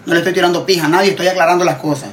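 A man's voice: sits high, fairly even intonation, rapid-fire, fairly bright tone. A Honduran man, a TikTok creator, ranting in casual chat, emphatic and repetitive, swearing freely. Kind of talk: heated casual rant.

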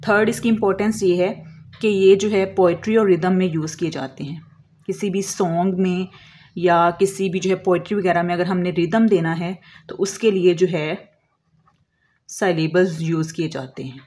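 A woman explaining a lesson as an English teacher, slowly drawing out example words and answering her own questions. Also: on the low side, fairly even intonation, darkish tone. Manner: asks questions and answers them herself.

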